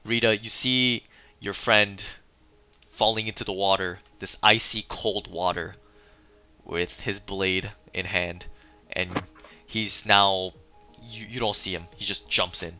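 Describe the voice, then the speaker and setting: Halting, bright-voiced man running the game. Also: sits low, fairly even intonation, lo-fi sound, faint music behind. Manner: halting, repeats words. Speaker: game master. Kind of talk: narrating a tabletop game.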